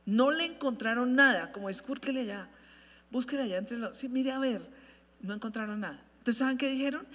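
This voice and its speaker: Woman preaching in a reverberant hall. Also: fairly high pitch. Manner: expressive preaching, drawn-out emphatic phrases, frequent self-corrections. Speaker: pastor. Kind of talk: sermon.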